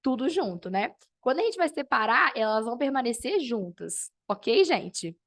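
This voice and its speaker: A woman's voice: a little high, sing-song, normal speed. A woman teacher, teaching an online class and explaining step by step while checking in with her students.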